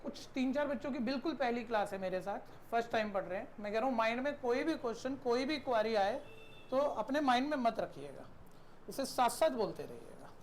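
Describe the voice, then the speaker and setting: Fairly quick and animated, a man with a very high-pitched voice teaches a math class in a conversational lecture style, regularly checking in with students and posing questions to them. A little background noise is audible.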